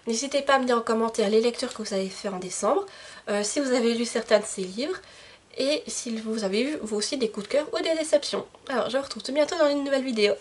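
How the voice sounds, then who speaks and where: Husky-voiced young French-speaking woman. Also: fairly high pitch, fast. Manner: chatty, hesitant with many fillers and restarts. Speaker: book vlogger. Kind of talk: casual monthly reading wrap-up.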